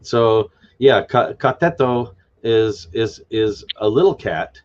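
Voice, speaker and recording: A man with a very low voice talks through his invented language on a live stream, pausing with fillers and restarting his sentences. The audio is dull and lo-fi, with keyboard typing behind him. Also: expressive. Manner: thinking aloud, many fillers and restarts. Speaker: live stream host explaining a constructed language. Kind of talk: unscripted live stream chat.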